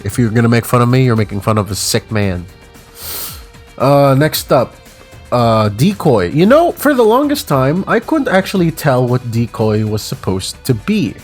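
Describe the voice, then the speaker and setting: A man's voice: medium pitch, big pitch swings, moderate pace, faint music behind. A man who is sick, casually rambling through an unscripted ranking of game icons with many fillers, recorded at home on a desk mic while wearing headphones. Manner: rambling, casual, offhand verdicts with frequent fillers. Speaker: gaming video creator ranking icons. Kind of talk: unscripted tier-list commentary.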